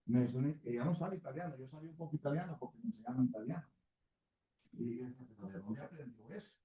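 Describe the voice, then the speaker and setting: A man's voice: medium pitch, lively intonation, fairly quick, breathy edge, highs cut off. A man from El Salvador teaching a Sunday school class at church, speaking conversationally and often checking in with his listeners. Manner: mixes in English words.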